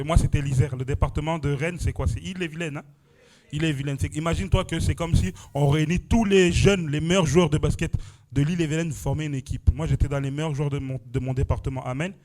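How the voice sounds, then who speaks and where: Mellow and a little high, the voice is a young French man's as he preaches his testimony at a church prayer vigil. Exclamations fill his delivery, each phrase capped with "amen" or "alléluia."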